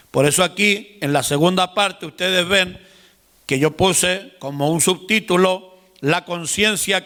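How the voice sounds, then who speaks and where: A man's voice: sits high, bright, forceful tone, big-room sound. A man teaching a seminar class, explaining patiently and speaking directly to his listeners. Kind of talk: classroom lecture.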